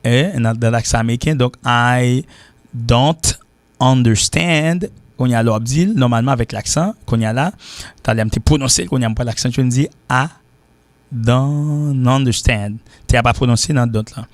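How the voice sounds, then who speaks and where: A man with a Haitian accent teaching English in a casual spoken lesson, repeating phrases slowly as drills. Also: mid-range voice, darkish tone, no echo. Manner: chatty, loose phrasing with many restarts.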